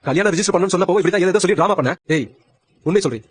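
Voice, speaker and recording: A man's voice: high-pitched, animated, very fast, slightly rough. A young man playing a suspicious husband in a TV family drama, speaking harshly. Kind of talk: TV serial acting.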